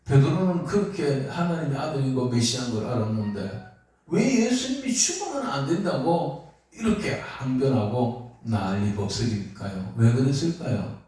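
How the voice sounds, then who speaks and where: Pastor guy preaching, super animated, asks the crowd stuff, big echo far mic. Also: medium pitch, normal speed. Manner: lively, asks the congregation questions. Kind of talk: sermon. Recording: echoey hall, mic far off.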